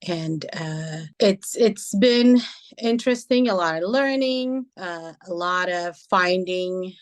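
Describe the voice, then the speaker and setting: A woman in her forties from Ethiopia, telling her life story in an interview, thoughtful with many pauses and fillers. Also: lowish voice. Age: 40s.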